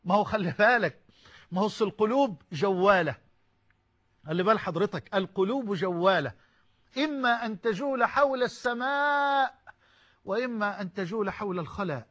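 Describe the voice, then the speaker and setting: A man's voice: sits high, expressive, a little fast, a bit bright. A man preaching a sermon with an Egyptian Arabic accent, impassioned and rising to emphatic outbursts.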